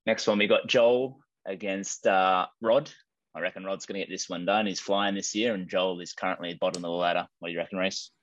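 Australian male host, lower register, easy casual chat, slightly lo-fi sound. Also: fairly even intonation, a little fast, a bit bright, dry recording. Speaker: podcast host. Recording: slightly dull lo-fi mic.

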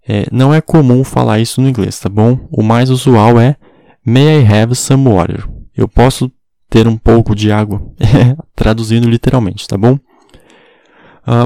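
A man with a dark, gravelly voice explains grammar in a steady teaching manner. He spells each word letter by letter and keeps checking that his listeners follow. The sound is dry and close, with no room around it. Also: medium pitch, no echo. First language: Portuguese. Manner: spells words letter by letter, frequent "tá bom?" check-ins. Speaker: English teacher. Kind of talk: explanatory online lesson.

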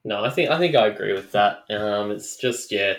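A man's voice: fairly low pitch, lively intonation, normal speed. Australian man, roomy echo. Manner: hesitant, thinking aloud, leads the segment. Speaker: podcast co-host. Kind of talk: casual sports chat.

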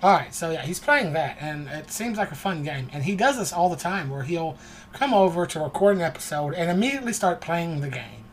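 Guy hosting a chill podcast, talks low right up on the mic, faint hiss behind. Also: big pitch swings, fairly quick. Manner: low-voiced, talking very close to the mic. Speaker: podcast host. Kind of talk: casual chat. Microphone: close to the mic.

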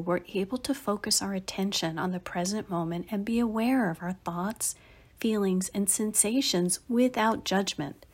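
A middle-aged woman hosting a meditation podcast, speaking in a gentle, soothing and unhurried way. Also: medium pitch, breathy edge. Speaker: podcast host and meditation guide. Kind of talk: guided meditation narration. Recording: music behind the voice. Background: music.

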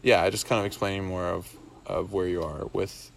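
A man's voice: sits low, steady tone, moderate pace, gravelly, slight background noise. A young man in casual podcast chat, thinking aloud and rambling with many fillers and restarts.

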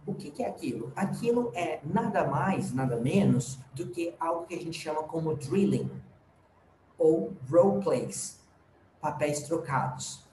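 A man's voice: a little high, lively intonation, measured pace, mellow. A man with a Brazilian Portuguese accent, teaching an English lesson to his students and slipping English fillers into his explanations. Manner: explanatory, with frequent restarts. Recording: roomy echo, faint background noise.

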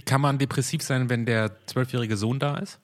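A man's voice: medium pitch, steady tone, normal speed. A man co-hosting a podcast, asking direct, slightly teasing questions. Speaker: podcast co-host. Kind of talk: interview questioning.

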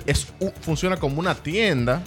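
A man's voice: fairly high pitch, moderate pace, faint music behind. A man in a casual podcast chat, explaining things by example as a co-host.

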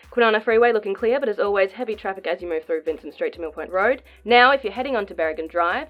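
A woman's voice: medium pitch, lo-fi sound, close to an everyday voice. An Australian woman playing a relentlessly professional traffic reporter in a radio comedy sketch. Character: cheerfully professional female traffic reporter carrying on through disaster.

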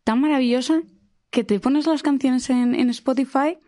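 A woman's voice: high-pitched, steady tone, normal speed, mellow. A woman singer who talks in a gushing, enthusiastic way, full of fillers. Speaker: singer guest. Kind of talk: casual chat.

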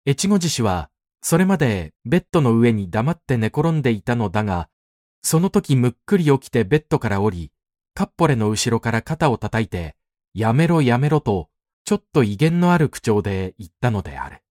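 Expressive male storyteller, dry close sound. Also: mid-range voice, a little fast, dry recording. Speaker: narrator. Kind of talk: scripted narration of a classic novel.

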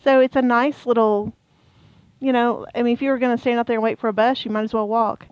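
A woman's voice: on the high side, fairly even intonation, fast talker, a little mellow, smooth, dry recording, highs cut off. A woman co-hosting a casual podcast chat, talking freely with many fillers and restarts. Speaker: co-host of a theme park podcast.

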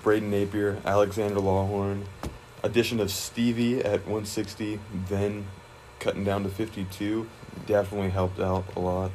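A young man, a high school wrestler, chatting casually in an interview, relaxed and rambling with many fillers and restarts. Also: normal speed, few pauses, slight background noise, low-quality recording.

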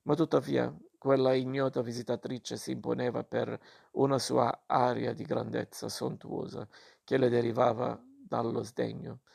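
Gravelly, husky male reader. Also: medium pitch, little pitch movement, darkish tone. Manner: slow, measured reading with small slips. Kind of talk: audiobook reading of a novel.

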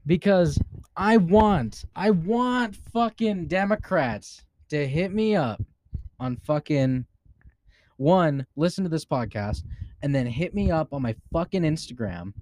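A man's voice: on the high side, animated, takes it slowly, a little mellow, no room sound. A man co-hosting a casual podcast, talking loosely and swearing a lot between laughs. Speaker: podcast co-host. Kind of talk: casual profane podcast chat.

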